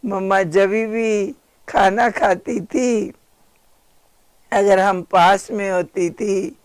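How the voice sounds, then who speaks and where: An older woman, a spiritual sister, gently and reverently telling memories of her teacher as a slow devotional reminiscence. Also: medium pitch, dry recording.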